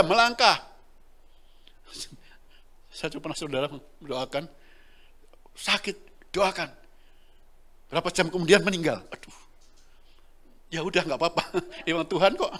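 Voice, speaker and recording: A man's voice: on the high side, bright, forceful tone. A middle-aged man preaching a sermon, talking directly to the congregation and laughing between lines.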